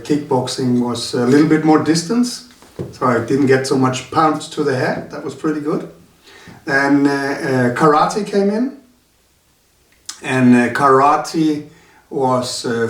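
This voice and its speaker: A Danish martial arts instructor speaks as a hesitant guest in a casual interview, in a slightly high voice. His speech is halting and full of filler sounds. A distant mic gives the recording a roomy, far-off sound.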